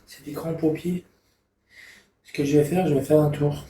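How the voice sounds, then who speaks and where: Irritable ranting man, slightly high voice. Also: fairly even intonation, normal speed, mellow, slight background noise. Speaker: streamer. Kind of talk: rambling live stream chat. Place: borrowed friend's apartment.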